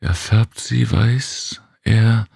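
A man's voice: lowish voice, extremely slow, vocal fry, darkish tone, breathy edge, no room sound, studio quality, pitched above the performer's own voice, full character voice. A man voicing Serena, an exhausted young woman miner on the edge of panic, breathless as she speaks. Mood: faltering.

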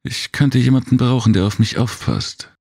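A man with a very deep, gravelly voice voicing a playful young female warrior in a storybook reading, speaking in a lilting, coy way. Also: moderate pace, a little mellow, dry recording, clean studio sound. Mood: coy, teasing. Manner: lilting, coy, sing-song.

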